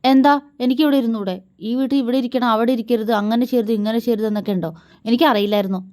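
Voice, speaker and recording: A woman voicing an emotional young wife who is easily hurt, speaking high and anxious, sulky and pleading. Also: fast talker, darkish tone, close to an everyday voice.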